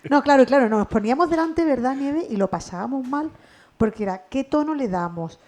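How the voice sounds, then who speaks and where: A woman's voice: high voice, lively intonation, a little fast, a little mellow. A woman, a podcast co-creator and radio journalist, explaining step by step in a casual radio interview. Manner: explains step by step, finishes co-host's sentences.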